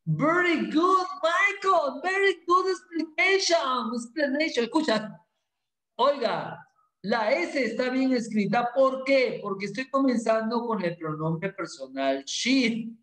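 Animated teacher, slow and lively. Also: male voice, extremely high pitch, echoey room, low-quality recording. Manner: playful, animated teacherly questioning. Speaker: English teacher. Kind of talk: classroom lesson.

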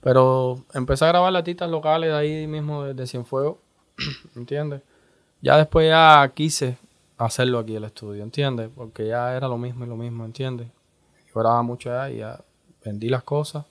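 A Cuban man speaks in a Cuban Spanish accent with an easy, unhurried delivery. He sits as a guest in a casual studio interview, his pitch sitting in an ordinary middle range. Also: steady tone. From Cuba. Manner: slow, laid-back, repeats "¿entiendes?". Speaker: music producer guest.

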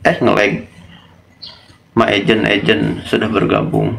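A man's voice: on the low side, completely flat delivery, measured pace, creaky, fairly bright tone, slight background noise. A man in his late twenties hosting a casual phone livestream from a small room, greeting viewers by name and urging them to tap. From Bandung, Indonesia. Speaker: livestream host. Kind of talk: casual live-stream chat. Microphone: phone camera close up.

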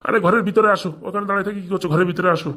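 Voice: mid-range voice, steady tone, racing, a bit bright, natural voice. A voice actor playing a bumbling, henpecked village priest who stumbles over chants and argues back, in a comic cartoon. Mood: defensive.

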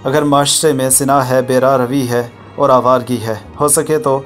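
A man's voice: medium pitch, level tone, a little slow. Preachy man lecturing over faint music. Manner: preachy, lecturing, formal religious phrasing. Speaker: channel host narrating a viral video. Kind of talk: moralizing voice-over commentary.

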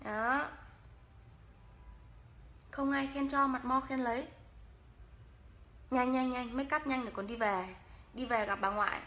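A woman's voice: sits high, steady tone, slow, pauses often, a bit bright. A woman with a northern Vietnamese accent chatting casually through a makeup vlog, playful and teasing, often laughing. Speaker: vlogger.

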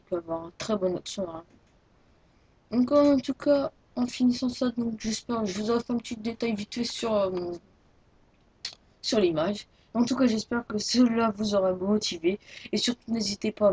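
A woman's voice: medium pitch, a little mellow, husky, no echo. A teenage girl making a casual video announcement as a gaming YouTuber, rambling and hesitant with many restarts. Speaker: Minecraft YouTuber.

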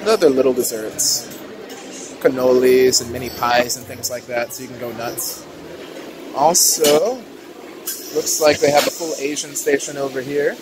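Moving through a big indoor buffet with his phone in hand, a young male vlogger gives an upbeat, casual walkthrough full of "ooh"s and "uh"s. He speaks unhurriedly, at a medium pitch with a steady tone, while diners chatter and dishes clatter in this noisy restaurant video.

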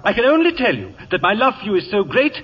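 An actor playing a witty, vain English playwright with a breathy, theatrical manner in a 1950s radio drama. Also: male voice, sits high, wildly swooping pitch, quick pace, a little hiss or hum. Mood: flamboyant. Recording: dull lo-fi 1950s radio broadcast with long reverb.

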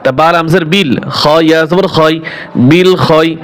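A man teaching Quran reading, spelling out letters and vowel marks, then slowly drawing out each whole word. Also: on the high side, little pitch movement, clean tone. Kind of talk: spelling-out recitation lesson.

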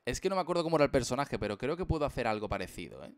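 A man's voice: medium pitch, big pitch swings, rapid-fire, dry recording. A young man from chatting casually on a live stream while he draws, playful and full of slang. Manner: playful, slangy, jokey rambling.

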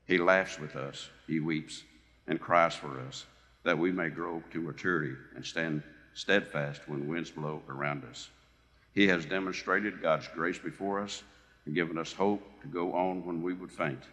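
A man slowly reading a heartfelt written tribute to his father at a church banquet. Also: deep voice, fairly bright tone. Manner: slow, solemn, heartfelt reading. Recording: long reverb of a banquet hall.

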